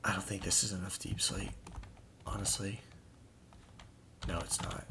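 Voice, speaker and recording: A man's voice: low voice, flat delivery, measured pace. A young man hosting a gaming channel, telling a rambling, exasperated story in casual talk while he plays. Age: young adult. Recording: noisy, keyboard clicks behind.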